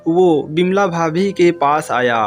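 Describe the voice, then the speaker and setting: A man narrating a scripted moral story in a calm, measured way. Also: a little high, faint music behind.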